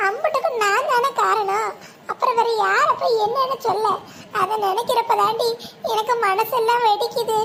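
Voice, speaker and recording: A woman voicing a guilt-ridden young village wife in a cartoon, tearful and pleading. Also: very high voice. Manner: tearful, self-blaming, pleading. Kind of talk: cartoon voice acting. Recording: steady background noise.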